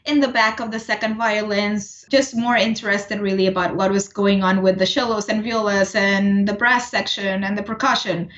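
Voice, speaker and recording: Woman, 30s, from Puerto Rico; thoughtful guest voice, middle pitch, roomy and slightly dull. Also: fairly even intonation, normal speed, hardly any pauses, fairly bright tone. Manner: thoughtful, many restarts and fillers. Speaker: composer, interview guest. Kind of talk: casual interview conversation.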